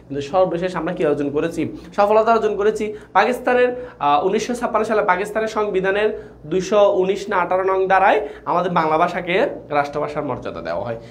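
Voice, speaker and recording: A man's voice: sits high, lively intonation, fast. A young man with a Bangladeshi Bengali accent teaching an online class, asking questions and answering them himself.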